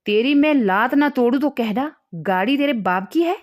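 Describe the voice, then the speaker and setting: A thin, shaken man yells crude insults at a fellow passenger, his voice strained and rising, put on by a woman reading the story. The shouting sits higher than a man's usual pitch, pushed hard and trembling with rage. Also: lively intonation, moderate pace. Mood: furious yelling.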